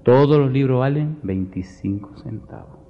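A man's voice: mid-range voice, moderate pace, long reverb tail, dull audio, a little hiss or hum. Emphatic man preaching a sermon. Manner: emphatic preaching with rhetorical questions to the congregation; folksy storytelling asides. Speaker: pastor. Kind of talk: Bible study sermon.

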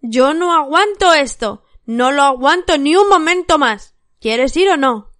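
A woman's voice: high voice, animated, moderate pace, no room sound, studio quality. Woman voicing a greedy, furious fisherman's wife. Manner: demanding, shouting commands.

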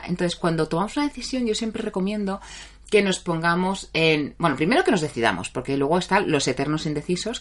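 Blunt, chatty woman from Spain, lowish voice. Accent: Spain Spanish. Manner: chatty and blunt, reads out viewers' names, laughs often. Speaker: therapist answering live comments. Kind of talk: casual live-stream advice chat.

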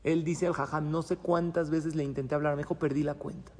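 In a synagogue hall with long reverb, a rabbi gives a religious class, telling stories dramatically and mixing in Hebrew terms. His voice is fairly high, darkish and brisk, with a flat delivery.

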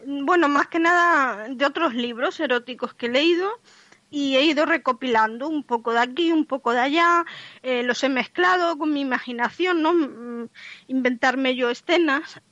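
A young woman from Spain answers radio interview questions in a high voice. She hesitates, fills pauses and restarts her sentences. The sound is dull and lo-fi, close and dry. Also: a bit bright, no echo. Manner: hesitant, many fillers and restarts. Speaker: novelist guest.

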